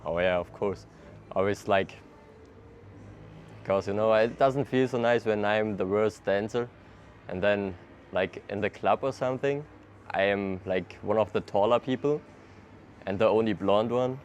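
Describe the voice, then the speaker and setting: Out on a city street, a young traveler with a German accent chats easily through an English interview, laughing a lot and phrasing things loosely. His lowish voice moves a little slowly, with long pauses and a faint hiss or hum in the recording.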